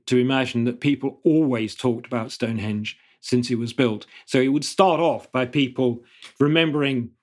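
A middle-aged man, an archaeologist answering interview questions thoughtfully, with halting restarts between fluent explanations. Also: medium pitch. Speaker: archaeologist guest.

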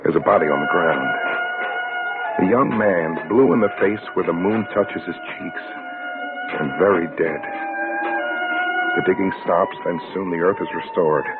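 A man's voice: low voice, measured pace, pauses often. An actor playing a haunted, adaptable male drifter who tells his own story in brooding, hard-boiled old radio drama style. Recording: tinny old radio broadcast, loud music.

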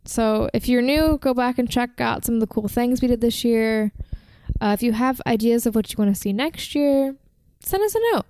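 A woman co-hosting a music podcast in casual chat, chatty and enthusiastic, slightly hoarse from talking. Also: on the high side, fairly even intonation, normal speed, darkish tone, dry recording. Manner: chatty, filler-heavy, enthusiastic about bands. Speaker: podcast co-host.

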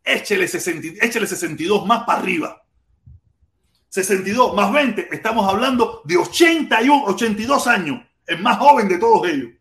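A man with a Cuban Spanish accent hosts a live podcast in a heated, profane rant. He keeps hammering the same phrases and firing off rhetorical questions, his voice pitched high. The room around him is echoey and reverberant. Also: lively intonation, fairly quick, fairly bright tone. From Cuba. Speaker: podcast host.

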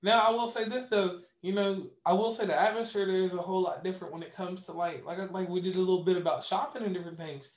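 A man with a West Virginian accent co-hosting a casual podcast chat, telling animated stories and repeating words for emphasis. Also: sits high, fast, few pauses, echoey room. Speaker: podcast co-host.

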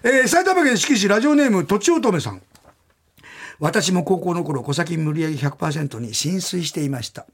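Male podcast host, high animated voice, fast delivery, reads mail and banters. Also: husky. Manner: lively, laughing, quick banter. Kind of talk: casual chat, reading listener mail.

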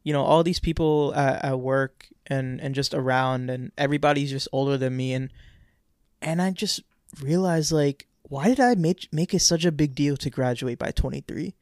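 Man in his twenties, podcast co-host, relaxed rambling chat, mid pitch, dry close sound. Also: normal speed, dry recording. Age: 20s. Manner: casual, rambling, repeats words. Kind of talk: casual chat.

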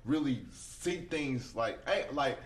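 A man's voice: medium pitch, animated, slow. A man in his twenties, a rapper guest, talking casually in slang with lots of repeats and fillers. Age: 20s. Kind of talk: casual interview chat.

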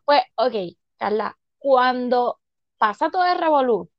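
Una mujer con acento puertorriqueño que comenta una serie en charla casual, emotiva y excitable, mezclando frases en inglés. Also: female voice, high voice, unhurried, dry recording, muffled recording. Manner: emotional, excitable, mixes English phrases. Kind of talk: casual chat.

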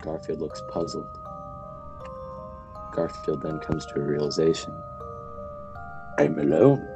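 A man giving a mock-dramatic spooky reading of comic strips, slow and theatrical. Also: extremely low pitch, little pitch movement, over music, poor audio. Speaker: podcast co-host.

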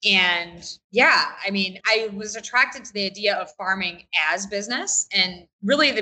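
Woman, podcast guest, thoughtful, explanatory, bright voice. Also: mid-range voice, rough recording. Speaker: guest, urban farmer. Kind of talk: podcast interview.

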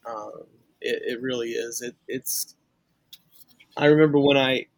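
A man's voice: mid-range voice, a little slow, vocal fry, no echo. A man from St. Louis, a sportswriter guest on a casual podcast, talking earnestly and restarting his sentences as he thinks aloud. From St. Louis, USA.

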